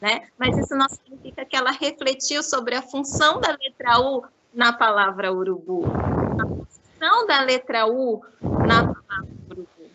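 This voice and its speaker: A woman lectures teachers on literacy, explaining classroom activities and slowly modeling words syllable by syllable. Her voice is high-pitched, the recording has its highs cut off, and the background is noisy.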